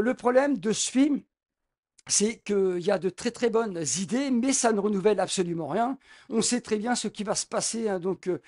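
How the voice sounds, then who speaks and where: A man reviewing a film in a casual vlog, talking with constant hesitations, fillers and restarts. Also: high voice. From France. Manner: hesitant, heavy filler words, many restarts. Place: home room with film posters behind.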